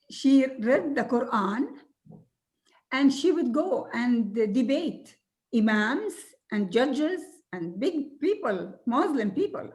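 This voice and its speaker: An older woman from Jordan, a native Arabic speaker, telling her life story slowly and earnestly, with soft laughs now and then. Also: fairly high pitch. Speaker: guest speaker. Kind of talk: recorded video conversation.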